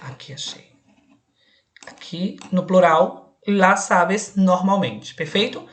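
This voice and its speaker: A woman's voice: lowish voice, animated. A woman teaching an online exam-prep Spanish lesson, patient and explanatory, often checking that students follow along. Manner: slow, patient, checks understanding with "perfeito?".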